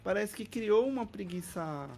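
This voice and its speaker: A man from Brazil co-hosting a podcast, chatting casually in a relaxed, slangy way and laughing between remarks. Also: sits high, normal speed, gravelly, faint music behind. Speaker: podcast co-host. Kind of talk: casual chat.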